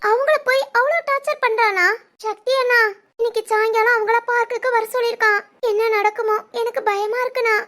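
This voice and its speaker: A woman voicing an anxious young college girl talking to her older brother in an animated drama, with a Tirunelveli Tamil accent. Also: extremely high pitch, brisk. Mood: pleading. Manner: fretful, pleading.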